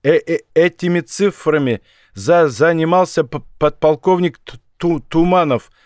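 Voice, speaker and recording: A man voicing a captured male army major who stammers slowly, as if his head aches. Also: fairly high pitch, a little mellow, dry recording, studio quality, pitched above the performer's own voice, natural voice. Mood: pained stammer. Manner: stammering, slow, pained.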